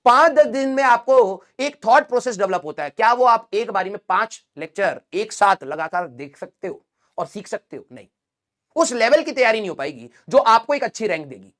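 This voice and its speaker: A man's voice: sits high, expressive, normal speed, fairly bright tone. A young man teaching, giving an earnest motivational talk to exam students and checking in with them often. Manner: earnest, addresses students as beta, frequent "theek hai?".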